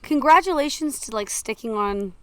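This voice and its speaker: A woman in her twenties co-hosting a podcast, chatting breezily with quick asides. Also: a little high, expressive, a bit bright, clear, resonant tone, no echo. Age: 20s. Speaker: podcast co-host. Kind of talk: casual chat.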